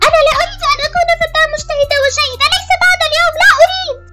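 A woman voicing a lonely schoolgirl doll who feels unloved, in a high, pleading voice. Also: steady tone, racing, music in the background. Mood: defiant. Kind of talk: toy doll drama voicing.

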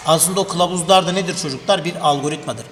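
A man's voice: a little high, fast talker, fairly bright tone. A male teacher giving an exam review lesson, talking to children and asking and answering his own questions. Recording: echoey room with long reverb, faint noise.

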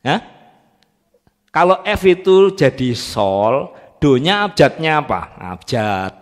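A man's voice: on the high side, sing-song, takes it slowly. Quizzing male music teacher in a reverberant hall. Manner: quizzes students, drills letter names and solfege. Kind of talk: live music training class. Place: church training room.

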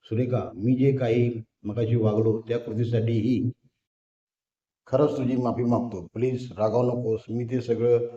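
A man's voice: mid-range voice, level tone, unhurried, mellow, natural voice. A man voicing a nervous young husband who apologizes sheepishly and pleads. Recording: roomy, dull lo-fi recording.

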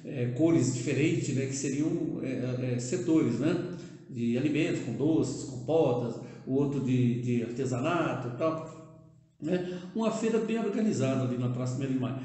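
A man's voice: mid-range voice, normal speed, warm tone. An older Brazilian man seated at a table speaks casually to the camera, proposing a local project with many "né?" tags and hesitant restarts. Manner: conversational, with frequent "né?" tags and hesitations. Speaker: vlogger proposing a civic project. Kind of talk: casual direct-to-camera talk. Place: indoor room, seated at a table. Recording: echoey room.

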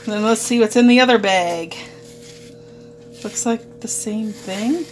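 A woman's voice: on the high side, takes it slowly, soft background music. A woman talking casually at home as a homeschooling mother, giving plain, matter-of-fact instructions.

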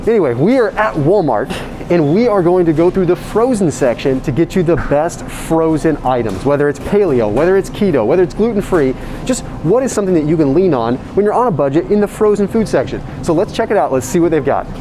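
Masked man with lively, swooping pitch. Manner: animated, reads out ingredient lists with quick asides. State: talking through a face mask. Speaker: vlogger reviewing food. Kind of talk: casual walkthrough vlog. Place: supermarket frozen food aisle, indoors. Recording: noisy store background.

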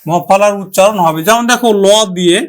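Teacher slowly drawing out example words. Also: mid-range voice. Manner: drawn-out, careful sounding of example words; repeats each example word for the listener. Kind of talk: Bengali pronunciation lesson.

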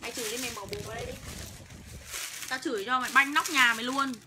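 A woman's voice: fairly high pitch, fast talker, background noise. A young woman hosting a livestream to sell clothes, talking bluntly and hawking with heavy cursing. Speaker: online clothes seller. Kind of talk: livestream sales pitch.

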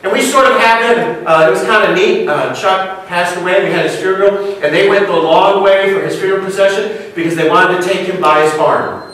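A pastor preaches in a casual, joking way, checking in with his listeners through rhetorical questions. His voice sits high for a man. He is heard from a distance in a very echoey church room. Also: brisk, a bit bright. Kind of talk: sermon. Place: church sanctuary.

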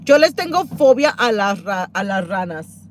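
With slight background noise, a middle-aged woman speaks at a measured pace on her couponing livestream. She casually reads out viewer comments, exclaiming and repeating herself, animated and swinging high and loud.

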